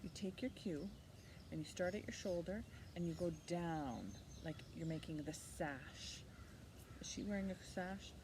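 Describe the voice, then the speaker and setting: A library storytime host for young children speaks a little slowly in a voice on the low side. She uses a sing-song teaching style, asking simple questions and repeating important words. Steady background noise can be heard in the clear recording.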